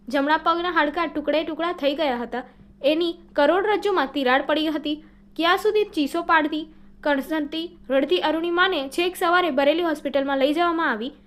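A woman teaching by reading workbook answers aloud in a steady, explanatory way, now and then correcting a slip. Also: high voice.

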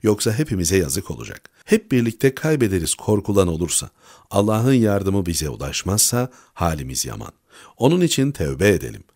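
A man reading a newspaper opinion column aloud in a measured way, letting each sentence drop low at the end. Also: a little mellow.

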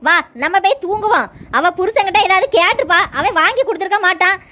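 A woman's voice: extremely high pitch, fast talker, bright, forceful tone. A woman with a Kanyakumari Tamil accent voicing a gossiping young sister-in-law who tattles and mocks. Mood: tattling. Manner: tattling, mocking.

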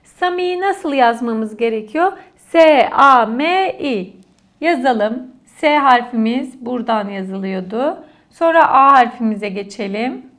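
A woman's voice: fairly high pitch, animated, unhurried, a bit bright. A woman teaching an alphabet lesson to children, patiently repeating each letter and word aloud for the class to copy. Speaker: language teacher.

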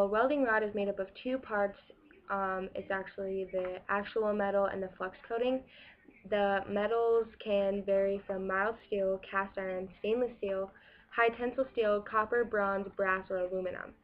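The speaker is a young adult welding student filming a school project explainer on the webcam in front of her, indoors in a small room with a plain wall behind. Her medium-pitched delivery is casual and full of ums and restarts, recorded with dull, lo-fi webcam audio.

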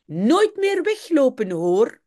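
A woman voicing a relieved, gently scolding mother in a storybook reading. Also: high-pitched, big pitch swings, slow, pitched above the performer's own voice, exaggerated voice.

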